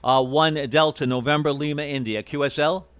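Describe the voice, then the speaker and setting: A man's voice: a little high, fairly even intonation, normal speed, a bit bright, slight background noise. A courteous, hesitant man operating an amateur radio station, spelling out call signs in phonetics.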